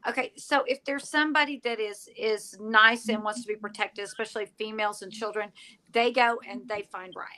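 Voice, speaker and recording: A woman's voice: medium pitch, steady tone, brisk, sharp tone. A woman, a paranormal investigator, chatting in a casual interview in a wry, laughing way.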